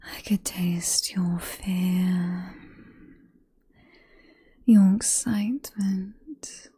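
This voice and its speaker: This British-accented woman uses a lowish, steady, exaggerated voice and draws out her words. She is voicing a possessive, seductive vampire professor in breathy, whispered ASMR, teasing and coaxing with condescending affection.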